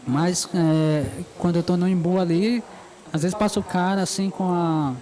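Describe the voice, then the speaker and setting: A man's voice: high voice, fairly even intonation, normal speed, dark tone, poor audio. A man in his forties from São Paulo, a caricaturist being interviewed at an outdoor street fair, chatty and easygoing, often laughing as he tells stories. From São Paulo, Brazil. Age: 40s. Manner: easygoing, chatty, laughs while telling anecdotes. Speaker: guest caricaturist. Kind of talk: casual interview. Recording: busy outdoor crowd noise.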